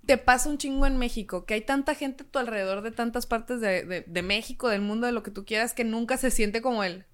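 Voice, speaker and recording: A woman from Sinaloa with a Sinaloan Mexican accent, co-hosting a podcast in animated, laughing casual chat full of swearing. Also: fairly high pitch, brisk. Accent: Sinaloan Mexican Spanish. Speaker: podcast co-host.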